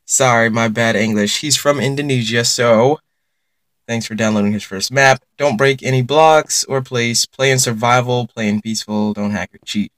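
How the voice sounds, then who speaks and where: This young YouTuber offers relaxed gameplay commentary, talking to his audience and reacting aloud during play. His voice is medium-pitched with a fairly bright tone, and the recording is dry.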